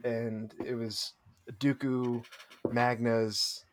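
A man talking in a relaxed, rambling way, poking fun at himself and breaking into laughter. His voice sits at an ordinary middle pitch, and the talk is loose and conversational. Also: extremely slow, slight background noise. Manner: rambling, self-deprecating, laughs often. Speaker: podcast co-host. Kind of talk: casual chat recapping a tabletop tournament.

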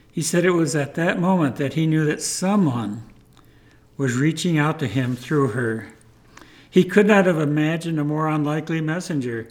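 A man retelling a testimony in an earnest, measured way, like a preacher. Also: fairly high pitch.

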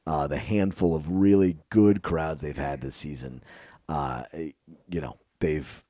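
A man's voice: rumbling low, steady tone, unhurried, dark tone, dry recording, clean studio sound. A man co-hosting a podcast in casual sports chat, a rambling storyteller who laughs often. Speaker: podcast co-host.

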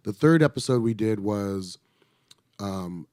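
A middle-aged man with a fairly low voice tells a story in an easygoing, animated way, swearing freely. He sounds close and dry, with no room sound. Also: slow, no echo. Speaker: actor telling a show-business story. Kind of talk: casual storytelling chat.

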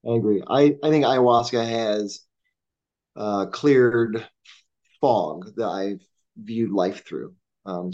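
A man speaks in a lowish voice, pausing often and restarting his sentences as he reflects. The recording is dull and lo-fi, with the top end rolled off. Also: a little mellow. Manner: hesitant, many ums and restarts. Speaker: combat veteran guest. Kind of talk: reflective conversation. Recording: dull lo-fi sound.

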